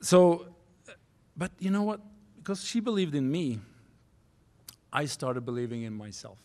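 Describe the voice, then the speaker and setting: A man in his forties from Norway with a Norwegian accent, giving a keynote speech at a university podium, earnest and halting, restarting phrases in non-native English. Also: a little high, very animated, a little mellow. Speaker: keynote speaker. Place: university auditorium stage. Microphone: podium microphone.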